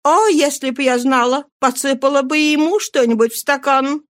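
Lady doing a fiery young courtesan, exclaiming, pitched up. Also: normal speed, no room sound, clean studio sound, close to an everyday voice. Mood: indignant. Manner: exclaiming, indignant.

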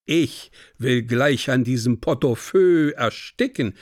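A man's voice: medium pitch, takes it slowly, darkish tone, dry recording, studio quality, close to an everyday voice. A man playing a drunk, coarse young fellow in a radio play, talking in a boisterous, crude, swearing way. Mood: crude, leering.

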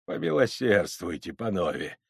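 A man voicing a shrewd, modest old male Cossack who speaks in a humble, hushed way in a storybook reading. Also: low voice, sing-song, normal speed, creaky, slightly rough, dry recording, clean studio sound, voice pushed down, full character voice. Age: older.

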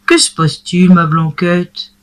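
A woman's voice: on the low side, level tone, unhurried, lightly acted. A woman voicing a worried, protective older farmer pleading with his goat, in a storybook reading. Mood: anxious.

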